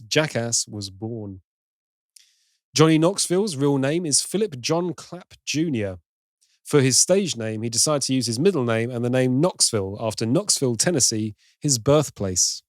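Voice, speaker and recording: A British man co-hosts a film podcast, reading trivia at length in a middle-pitched voice. He breaks off to laugh easily between facts. The recording is dry and close. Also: expressive, moderate pace, dry recording. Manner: reads trivia in long runs, laughs easily. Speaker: podcast co-host.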